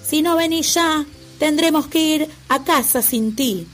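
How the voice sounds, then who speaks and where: A woman's voice: sits high, a little slow, faint music behind, voice pushed up. A woman voicing a cheerful, teasing male elephant in a storybook. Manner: teasing, lively.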